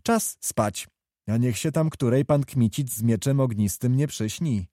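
A man voicing a brisk cavalry colonel who speaks in clipped, commanding tones. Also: mid-range voice, mellow, no room sound, clean studio sound, natural voice. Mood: weary. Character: brisk male cavalry colonel, calm soldier.

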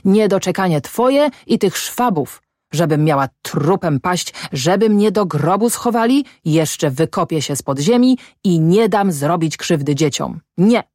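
A woman's voice: on the low side, very animated, measured pace, a little mellow, no room sound, clean studio sound. A woman voicing a furious, scolding peasant wife. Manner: scolding, voice rising in outrage. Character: angry, stubborn peasant farm wife. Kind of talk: audiobook character voice.

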